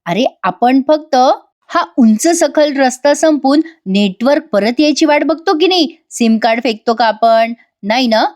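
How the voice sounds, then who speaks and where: A woman voicing a gently coaxing male lawyer. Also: high-pitched, lively intonation, measured pace, hardly any pauses. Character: calm older male lawyer giving advice.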